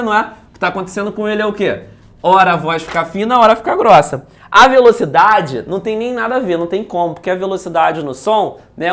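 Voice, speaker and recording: Lively Brazilian man teaching physics. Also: high-pitched. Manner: lively, chatty, keeps asking "beleza?" and "né?". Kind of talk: video lesson solving exam questions.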